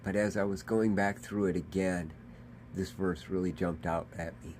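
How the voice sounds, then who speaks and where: Male pastor, lowish voice, conversational and earnest devotional delivery, faint hiss behind. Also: fairly even intonation, moderate pace, a little mellow. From Michigan. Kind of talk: daily devotional sermon.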